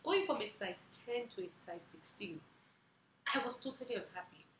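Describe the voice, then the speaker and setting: A young adult woman hosting a casual personal vlog, telling stories in a chatty, expressive way. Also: medium pitch, moderate pace, slight background noise. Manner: chatty and expressive, recounting with emotion and laughter. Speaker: vlog host. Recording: roomy echoey room.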